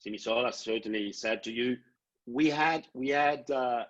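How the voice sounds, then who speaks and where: A middle-aged programme director from Italy, speaking with an Italian accent in a mid-range voice, answers prospective students' questions on a video call. He halts and repeats words as he explains, and the laptop webcam audio sounds dull and lo-fi.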